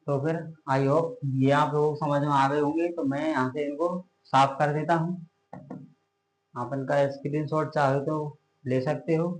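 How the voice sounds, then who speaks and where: A man teaches a science lesson at a board. His voice sits a little high and echoes around a bare room. He drills his points by asking a question and then answering it himself, stretching out each key term. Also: little pitch movement, unhurried. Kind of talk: classroom chemistry lecture at a board.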